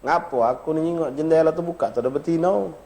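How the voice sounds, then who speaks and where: Man, religious teacher, high voice, folksy lecture, chanted Arabic phrases. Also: vocal fry, warm tone. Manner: demonstrates pronunciation, drawn-out chanted Arabic phrases; addresses audience directly, folksy humor. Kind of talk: Islamic study-circle lecture.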